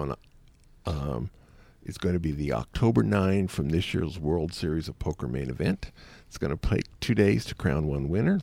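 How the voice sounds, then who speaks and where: A man's voice: low-pitched, creaky, mellow, dry recording. A man hosting a radio talk show in a studio, rambling a little with fillers. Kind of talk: casual radio chat.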